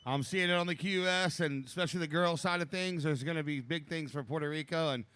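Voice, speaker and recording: A man's voice: fairly high pitch, a little fast, fairly bright tone, smooth. A man announcing a surf contest in a laid-back surfer manner, mixing live commentary with easy slangy chat.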